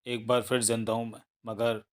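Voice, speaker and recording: Man voicing a confused husband, calm explaining tone, flat delivery, audiobook novel. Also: mid-range voice, moderate pace, clean tone, close to an everyday voice. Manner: bewildered then calm and explaining. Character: confused man claiming another man's identity.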